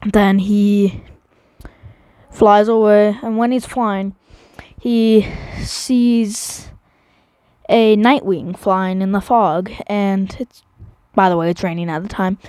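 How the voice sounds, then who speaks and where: Slow, smooth-voiced woman rambling through a recap. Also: mid-range voice, dark tone, no room sound, studio quality. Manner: rambling, full of fillers and restarts. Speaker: animator recapping her own series. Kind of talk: casual video narration.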